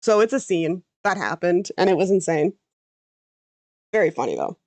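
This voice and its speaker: Her lowish, darkish voice swings widely in pitch at a normal speed, with no echo. She's a Canadian VTuber artist livestreaming her drawing, chatting casually and trailing off as she thinks aloud.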